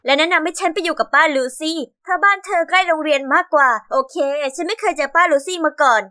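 Brief: young woman narrator, earnest first-person storytelling, bright and crisp, dry close-mic sound. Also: extremely high pitch, fast talker, no room sound. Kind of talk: scripted narration of an animated story.

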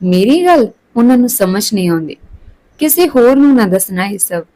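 A woman's voice: medium pitch, animated, moderate pace, dark tone, close to an everyday voice, low-quality recording. A woman voicing a sincere young man in love, tender and anxious. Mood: pleading.

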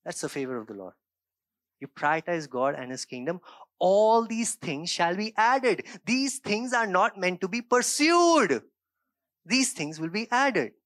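Conversational pastor preaching on a dry stage. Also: male voice, high-pitched, animated, measured pace, a bit bright, no echo. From India. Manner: conversational, often checks in with the audience; gestures a lot while preaching on a stage. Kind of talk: sermon. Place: small church stage studio, indoors. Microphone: handheld mic.

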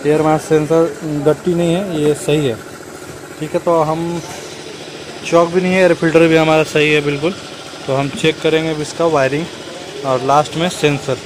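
With background noise audible, a young man with a fairly high voice talks flatly at normal speed. He's a car mechanic giving a step-by-step repair tutorial on an engine, filmed close on a phone inside the car and at the open engine bay outdoors.

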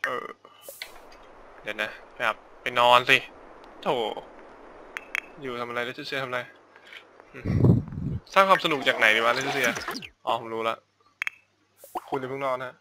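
A man's voice: mid-range voice, measured pace, pauses often, noisy background. A man giving casual let's-play commentary, rambling and thinking aloud as he goes, often repeating words while he decides what to do next. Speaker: gaming YouTuber. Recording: game music clearly behind the voice.

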